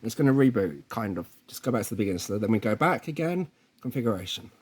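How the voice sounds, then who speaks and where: Talking fast and with lots of animation, this male presenter of installation tutorials has a fairly low, slightly rough voice. He walks through the tech steps casually and keeps asking how the viewer is getting on.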